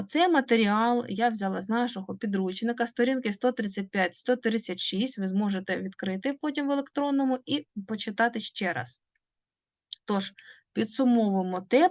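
A woman teacher giving a language lesson, patiently explaining phonetics, asking questions and answering them herself and drawing out example words slowly. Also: fairly high pitch, dry recording.

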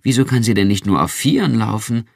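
A man reading an audiobook, voicing an excited, eager female android in a high, breathless voice. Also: a little fast, vocal fry, no room sound, studio quality.

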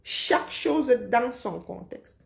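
A woman's voice: on the high side, expressive, slow pace, vocal fry. A woman, ranting casually and mocking someone as she lectures. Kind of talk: casual live rant. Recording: roomy echo.

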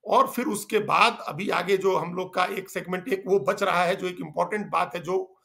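A man with a high, gravelly voice analyses political news in a discussion. His tone is bright and sharp, and he explains emphatically, repeating phrases for weight. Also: moderate pace. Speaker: political journalist.

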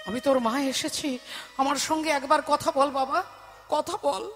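A woman's voice: sits high, moderate pace, loud music behind the voice, lightly acted. A woman voicing a grieving queen mother who cries out for her dead sons, in a devotional performance. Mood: pleading. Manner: wailing, crying out.

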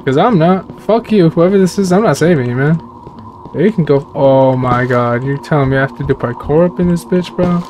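A man's voice: a little high, a little fast, muffled recording. A man streaming his first playthrough of a horror game, swearing, trash-talking and reacting to scares as he plays. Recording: noticeable background noise.

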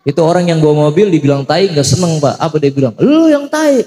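A man's voice: fairly high pitch, steady tone, quick pace, dark tone. A man giving a humorous mosque sermon, telling jokey stories and chanting prayers. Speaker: preacher. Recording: echoey mosque hall.

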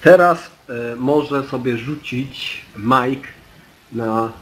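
A man's voice: mid-range voice, extremely slow, fairly bright tone, poor audio. A man acting as game master, steadily explaining dice rules and turn order to the players. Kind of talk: running a tabletop game.

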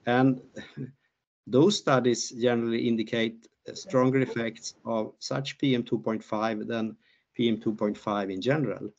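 A man's voice: medium pitch, fairly even intonation, measured pace, creaky, a little mellow. An older man presenting research findings on a video call, hesitant with many fillers and restarts. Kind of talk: online conference talk and Q&A. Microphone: laptop mic on video call. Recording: muffled video call audio.

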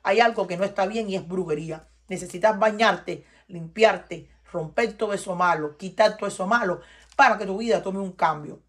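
Husky Cuban woman reading tarot. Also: medium pitch, moderate pace. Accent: Cuban Spanish. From Cuba. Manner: emphatic, preachy, repeats herself. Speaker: tarot reader. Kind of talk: tarot reading addressed to viewers.

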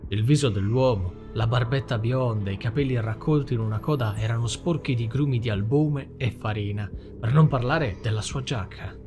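A man reading a dark novel as an audiobook, slow and dramatic. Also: medium pitch. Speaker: audiobook narrator. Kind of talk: scripted narration. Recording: faint background music.

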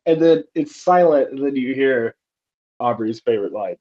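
A man in his thirties co-hosting a podcast, retelling movie scenes in a rambling, animated way with many fillers. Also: medium pitch, moderate pace. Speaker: podcast co-host. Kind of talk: casual chat. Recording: dull lo-fi sound.

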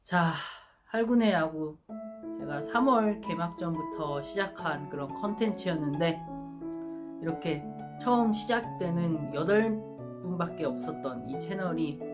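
A woman's voice: fairly low pitch, lively intonation, unhurried. A woman hosting her own channel, speaking in a formal, polite presenter style as she addresses viewers. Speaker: host of a sports prediction channel. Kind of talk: giveaway announcement to viewers. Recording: music behind the voice. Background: music.

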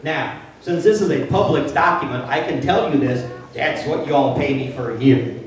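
Woman pastor, relaxed jokey sermon, recorded from a distance in a reverberant sanctuary with faint hum. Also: sits low, moderate pace. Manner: chatty and joking, asks the congregation questions. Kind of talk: conversational sermon. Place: church sanctuary. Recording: very echoey church, voice off-mic, faint room hum.

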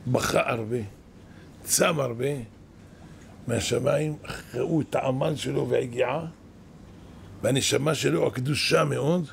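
Gravelly older man giving a sermon. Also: mid-range voice, a little hiss or hum. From Israel. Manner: animated, exclaiming and lamenting, storytelling. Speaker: kabbalist rabbi, yeshiva head. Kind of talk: weekly Torah lesson, sermon. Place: yeshiva study hall.

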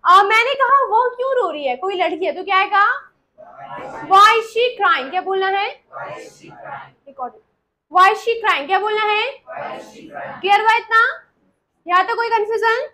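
A woman teaching English grammar to a class, repeating example sentences slowly and checking that everyone understands. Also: very high-pitched, pushed and bright. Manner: slow, deliberate dictation of example sentences.

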